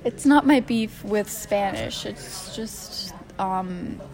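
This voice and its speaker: A woman's voice: medium pitch, takes it slowly, gravelly, a crowd in the background. A woman co-hosting a casual podcast chat at school over lunch, laughing often as she talks. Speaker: co-host. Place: school during lunch break.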